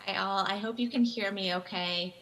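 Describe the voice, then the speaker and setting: A Taiwanese woman in her forties delivers a conversational guest lecture over a video call from a home room lined with bookshelves, full of ums and restarts. Her mid-range voice is steady and moderately paced, captured by a webcam with a lot of noise.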